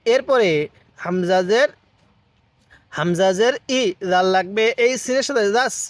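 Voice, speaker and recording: High-voiced man teaching Quran reading. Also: no echo. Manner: patient, spells out letters and syllables slowly. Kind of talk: step-by-step recitation lesson.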